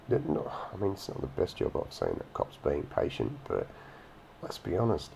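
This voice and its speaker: A man's voice: sits low, creaky, dark tone, slight background noise. A man giving blunt, profane, indignant commentary while reacting to police footage. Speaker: video reaction host.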